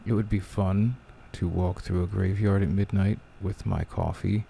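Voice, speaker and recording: A very deep, heavily gravelly male voice that moves slowly and sounds dark and mellow. He hosts a relaxed podcast chat, rambling and trailing off, close enough to the mic that his breathing comes through. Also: slight background noise. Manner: rambling, laid-back, trailing off. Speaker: podcast host. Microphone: close mic, breathing audible.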